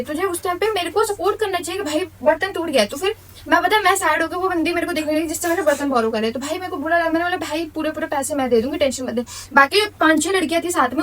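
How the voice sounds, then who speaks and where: Young female vlogger, quick and high-pitched, blunt and slangy storytime rant. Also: a bit bright, recorded from a distance, slight background noise. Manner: blunt, slangy, mixes English into speech. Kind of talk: venting storytime monologue.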